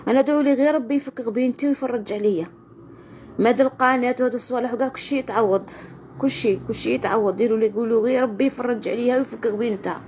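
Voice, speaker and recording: A woman's voice: a little high, very fast. A woman with a western Algerian Arabic accent, venting tearfully and in anguish in a personal vlog, repeating her phrases. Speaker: online video creator. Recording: dull lo-fi sound with loud-ish noise.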